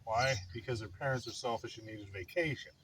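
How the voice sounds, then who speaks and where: A man's voice: medium pitch, a little fast, a bit bright, rough recording. An older man, a little breathless, tells a personal story in a casual, rambling fireside-chat way with wry, self-deprecating, mock-dramatic delivery. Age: older, grandfather. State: somewhat breathless. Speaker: vlogger telling a personal story. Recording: outdoor noise with chirping birds.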